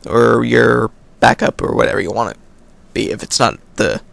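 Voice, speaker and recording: An American video host runs a casual Q&A vlog, reading viewer questions aloud and answering offhandedly. His medium-pitched voice is gravelly and fairly bright, at a moderate pace, in a dry recording.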